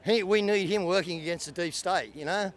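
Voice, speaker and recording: A man's voice: high voice, fairly quick, a little hiss or hum. A man at an outdoor rally talking in a casual, rambling way in a street interview. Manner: casual, rambling, lots of "you know what I mean". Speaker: rally attendee.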